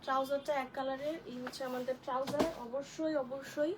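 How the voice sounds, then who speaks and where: Chatty high-voiced woman selling clothes live. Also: fairly even intonation, fairly quick, heavy background noise. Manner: chatty, addresses viewers as sisters, greets commenters by name. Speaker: online clothing seller on a live stream. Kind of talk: live-stream product showcase.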